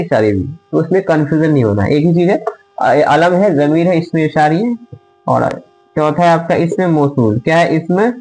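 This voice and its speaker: A man teaching an online grammar lesson, asking questions and answering them himself, repeating the items slowly as he writes them out. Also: fairly high pitch, a little mellow, rough recording. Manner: drills by asking and answering his own questions.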